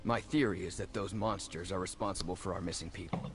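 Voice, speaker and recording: An actor playing an indignant, earnest imperial army officer held captive, in fantasy video game dialogue. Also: male voice, low-pitched, quick pace, over loud music, lightly acted. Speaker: game character.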